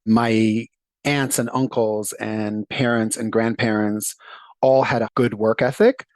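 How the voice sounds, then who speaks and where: A middle-aged Jamaican man tells his story as an interview guest, thoughtful and warm, laughing easily and occasionally restarting. His voice sits on the low side, with no echo in the recording.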